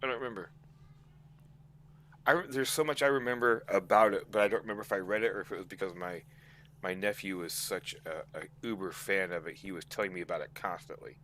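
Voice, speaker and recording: A man's voice: sits low, fairly even intonation, quick pace, a bit bright, a little hiss or hum. A man co-hosting a casual gaming podcast, breaking in with wry, joking remarks. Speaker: podcast co-host.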